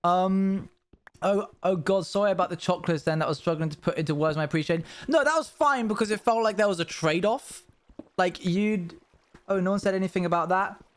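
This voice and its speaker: A man's voice: sits high, fairly quick. A young man streaming live, telling rambling stories to his viewers with self-aware asides. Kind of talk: casual chat with viewers.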